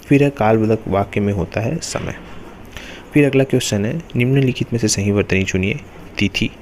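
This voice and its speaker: A man with a lowish voice works steadily through exam questions in a repetitive, drilling rhythm. A faint hiss of background noise sits under his voice. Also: moderate pace. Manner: repeats "remember" and "then next" in a steady drilling rhythm. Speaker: exam-prep teacher.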